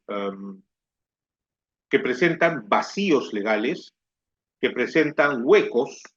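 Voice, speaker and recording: A man's voice: medium pitch, fairly bright tone, dull audio. A man giving a recorded tax lecture, explaining step by step and checking that his students follow. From Peru. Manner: explanatory, repeats "¿ya?" to check understanding. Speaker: tax instructor.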